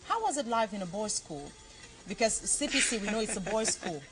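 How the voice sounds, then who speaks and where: A woman's voice: medium pitch, lively intonation, brisk, very noisy. A woman from Cameroon hosting a TV interview, asking chatty, probing questions. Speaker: TV host.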